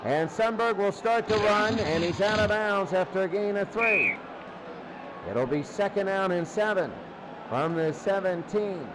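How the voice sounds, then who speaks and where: A man with a high, unhurried voice works as a sports announcer, calling live football play-by-play against the din of a loud stadium crowd.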